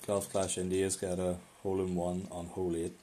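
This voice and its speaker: A man with a low voice plays a game live and talks it through casually. He chats with friends on voice chat and swears under his breath at bad shots. A faint background hum sits under his voice. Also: monotone, normal speed, mellow. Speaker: game streamer.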